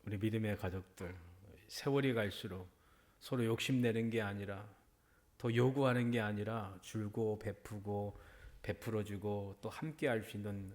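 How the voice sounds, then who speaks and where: A middle-aged man preaching a sermon as pastor, repeating phrases for emphasis and voicing quoted speech. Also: on the low side.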